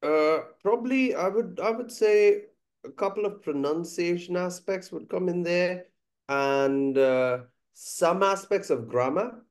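A man with a high voice speaks thoughtfully as a guest on a conversational podcast interview, where he is featured as a musician and teacher. He is from India and his first language is Bengali. His delivery is measured and reflective, broken up by frequent "uh" pauses.

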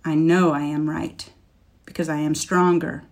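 A woman doing a huge, menacing storybook dragon who sneers at everyone, his voice low and deliberate. Each word comes slow and heavy with contempt, pressed out with extra force. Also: steady tone. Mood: scornful. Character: proud scornful male dragon, huge and menacing. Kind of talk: storybook reading.

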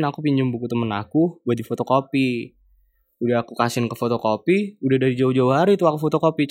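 A young man recounting a personal story in casual, chatty storytelling. His voice sits in a middle pitch, and the sound is dry and close. He drops into low, muttered asides between beats. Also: darkish tone, no echo. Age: young adult. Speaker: university student.

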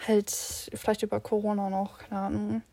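A woman's voice: medium pitch, little pitch movement, moderate pace, warm tone, dry recording. A teenage girl rambling casually to her listeners in a slangy way, slipping in English words. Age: teens. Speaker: vlogger.

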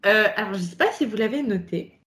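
A woman co-hosting a casual podcast, chatting in a lively way and laughing often between her points. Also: medium pitch, fairly quick. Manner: lively, laughs often, many fillers and asides. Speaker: podcast co-host. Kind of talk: casual chat about a book chapter.

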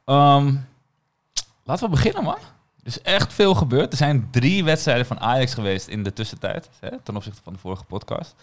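A young man hosting a casual football podcast, relaxed and slangy. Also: medium pitch, brisk. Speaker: podcast host.

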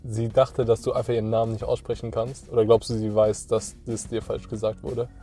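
Young male co-host, warm dark tone, laid-back slangy gamer talk over soft music. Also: lowish voice, flat delivery, fairly quick. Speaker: podcast co-host. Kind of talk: casual chat.

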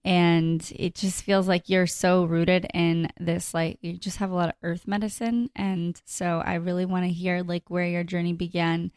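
A woman's voice: lowish voice, flat delivery, moderate pace, hardly any pauses, clean tone, no room sound, clean studio sound. A woman hosting a podcast, chatting effusively and laughing often. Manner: warm, giggly, effusive. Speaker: podcast host. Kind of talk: casual interview chat.

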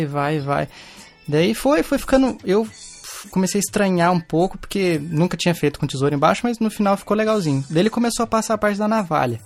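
A young man in casual chat, telling an anecdote with slangy fillers. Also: high voice.

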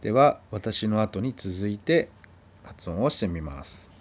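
Slow, calm man teaching a lesson. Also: fairly low pitch. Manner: calm, patient explaining with drills. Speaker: Spanish teacher. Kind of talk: language lesson.

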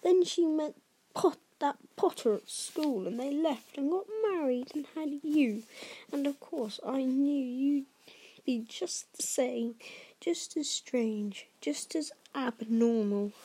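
A woman's voice: high-pitched, slow, mellow, low-quality recording. A woman voicing a bitter, spiteful middle-aged aunt in a storybook, ranting with scornful emphasis.

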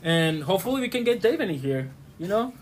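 Halting, slightly high-voiced man. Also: very animated, husky. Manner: halting, with restarts, laughs along. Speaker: podcast co-host. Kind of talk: casual podcast chat.

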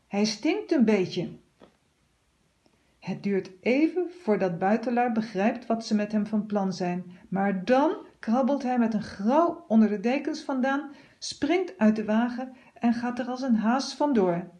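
A woman calmly reading a children's story aloud. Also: a little high, unhurried, highs cut off.

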